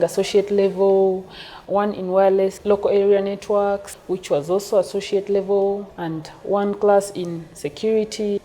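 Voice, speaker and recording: Earnest young Ugandan woman, mellow voice. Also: mid-range voice. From western Uganda. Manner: earnest, grateful, steady. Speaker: network engineer. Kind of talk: documentary interview.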